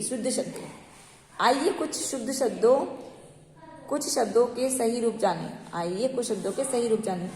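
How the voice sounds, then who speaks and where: Woman teacher going over a school textbook, patient, repeats words slow, kinda high voice, echoey room. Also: darkish tone. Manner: patient, repeats words slowly and asks checking questions. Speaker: primary school Hindi teacher. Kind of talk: online class lesson explaining a textbook chapter.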